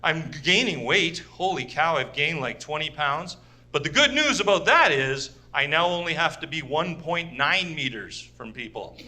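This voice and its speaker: A man's voice: fairly high pitch, lively intonation, normal speed, sharp tone, a little hiss or hum. A man doing a stand-up comedy set for a small audience, rambling and cutting himself off often. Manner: rambling, self-interrupting, restarts often. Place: small live audience venue.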